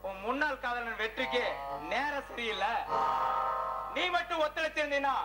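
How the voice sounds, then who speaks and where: A man's voice: very high-pitched, normal speed. A man playing a greedy, ruthless villain, declaiming in a village stage drama. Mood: taunting. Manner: menacing, boastful stage declamation. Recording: echoey open-air stage with loud music.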